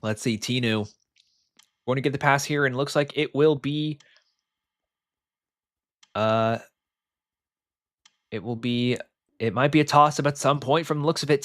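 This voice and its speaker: Young man, play-by-play commentator, excitable, rambling with fillers, mid-pitched, dry close sound. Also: dry recording. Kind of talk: live game commentary.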